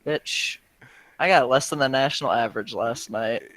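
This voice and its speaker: A man from Texas co-hosting a gaming podcast, with dry, crude, deadpan banter. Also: medium pitch, normal speed, no echo, low-quality recording. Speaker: podcast co-host.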